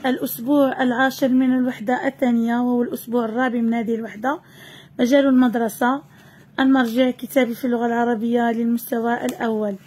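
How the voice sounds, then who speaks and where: High-voiced teacher stretching out syllables. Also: female voice, flat delivery, darkish tone. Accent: Moroccan. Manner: slow, drawn-out sounding of letters and syllables. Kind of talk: recorded lesson for young children.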